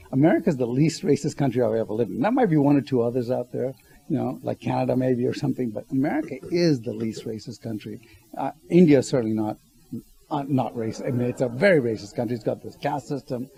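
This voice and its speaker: A man with a gravelly, dark voice explains his points earnestly as a panel guest. He grew up in Ghana and often stops mid-sentence to correct his wording. His delivery is steady, with a low, rough edge. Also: fast, low-quality recording. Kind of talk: panel discussion.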